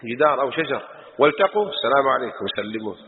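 A man's voice: medium pitch, expressive, rapid-fire, a little hiss or hum. A man teaching a mosque lesson, admonishing with rhetorical questions. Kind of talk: religious lesson. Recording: tinny phone-like recording in a reverberant hall.

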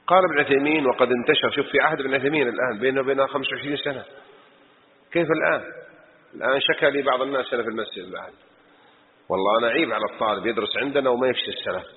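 A man's voice: mid-range voice, very fast, slight background noise. A man teaching a mosque lesson, admonishing with rhetorical questions. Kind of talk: religious lesson. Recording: tinny phone-like recording in a reverberant hall.

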